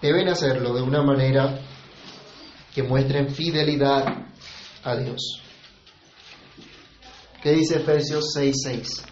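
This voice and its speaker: A man's voice: mid-range voice, fairly even intonation, slow pace, pauses often, a little hiss or hum. A man, preaching a sermon in a conversational style that leans on rhetorical questions to the congregation. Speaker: pastor. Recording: echoey, slightly muffled room recording.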